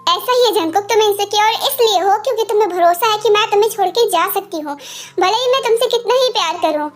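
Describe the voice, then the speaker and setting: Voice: extremely high pitch, quick pace, faint music behind. A performer in an amateur Hindi fan dub voices a young wife who pleads with and explains herself to her angry husband. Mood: hurt, defensive.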